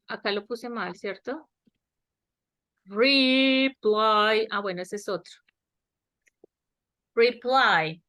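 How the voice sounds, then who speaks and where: A woman's voice: a little high, bright, forceful tone. A woman teaching English grammar in an online class, speaking Spanish with a Latin American accent and often checking that students understand. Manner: slow, explanatory, checks understanding with repeated questions. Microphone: webinar headset or laptop mic.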